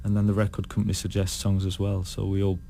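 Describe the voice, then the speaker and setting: Gravelly British man, halting and thoughtful. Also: deep voice, monotone, warm tone, slight background noise. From United Kingdom. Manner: thoughtful, halting with many restarts. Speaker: guest singer. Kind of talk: casual interview chat.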